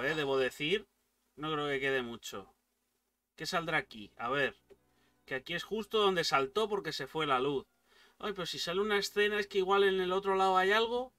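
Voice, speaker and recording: Excitable, foul-mouthed gamer man. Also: fairly high pitch, no room sound, far from the mic. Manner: excitable, swears a lot, yelps at jump scares. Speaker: gaming streamer. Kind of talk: casual let's-play commentary.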